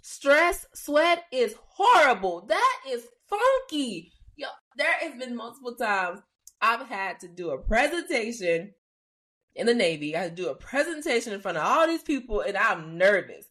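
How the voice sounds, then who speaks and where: A woman's voice: mid-range voice, big pitch swings, normal speed, a bit bright. A woman hosting a faith-based podcast, talking casually and expressively, laughing often and dropping slangy asides. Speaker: podcast host.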